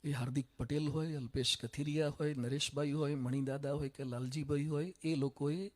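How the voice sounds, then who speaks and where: A man giving a dramatic stage speech full of stories, swinging from loud to hushed. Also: fairly high pitch, fairly even intonation, normal speed. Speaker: public speaker. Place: stage at a public event.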